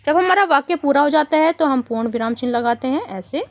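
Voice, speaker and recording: A woman teaches young children from a worksheet. Her voice sits high and swings widely in pitch. She explains patiently, asking the kids questions and calling them "beta". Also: expressive, brisk. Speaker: primary school teacher. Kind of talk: online worksheet lesson for children.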